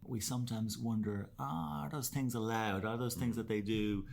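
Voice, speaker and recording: A man's voice: on the low side, fairly even intonation, normal speed, vocal fry. A man co-hosting a casual business podcast, chatty and jokey with rambling asides. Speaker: podcast co-host.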